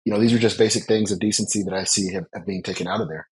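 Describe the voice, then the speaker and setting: A man's voice: on the low side, fairly even intonation, very fast, husky, poor audio. A man speaking as a business leader guest on a podcast interview, earnest and reflective, stressing his points.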